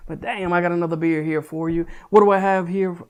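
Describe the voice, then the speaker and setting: A man's voice: high voice, fairly even intonation, a little fast, clean tone. A young adult man giving a casual, chatty beer review, talking loosely with frequent restarts and casual swearing.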